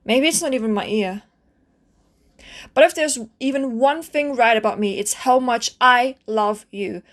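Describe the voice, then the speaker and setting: Woman acting a high-voiced, pleading kitten girl. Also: a little slow, natural voice. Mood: meek, pleading, then lovestruck, devoted. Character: clingy, lovesick, self-abasing stray cat girl with yandere devotion. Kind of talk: scripted ASMR role-play addressed to the listener.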